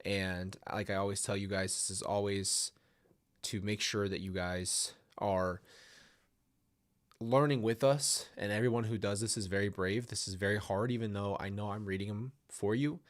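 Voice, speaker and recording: In a laid-back livestream, a man talks to his viewers and reads their stories, often restarting, rambling, and apologizing. His fairly low voice holds a steady tone at a moderate pace, a bit nasal from congestion.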